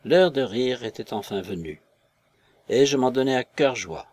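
A man narrating a literary story in a measured, scripted audiobook reading. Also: mid-range voice, animated, a little mellow.

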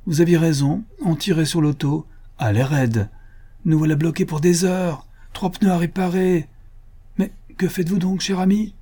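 A man reading the part of a flustered, excitable male suitor who pleads and curses in an audiobook. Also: on the high side, normal speed, slightly rough, voice pushed up.

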